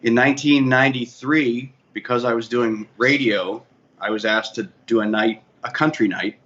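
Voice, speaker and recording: A Boston-area, USA, DJ and bar manager with a Boston accent speaks at medium pitch, with fairly even intonation, a moderate pace and a slightly bright tone. As a guest in a casual interview, he tells his career story in a rambling, self-correcting way. The recording is muffled and carries faint ambient noise.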